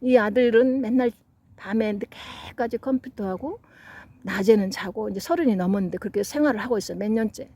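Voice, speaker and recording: A middle-aged woman with a fairly high, husky, warm voice gives a psychology lecture at a fairly quick pace. She tells anecdotes earnestly, acting out what parents and children said.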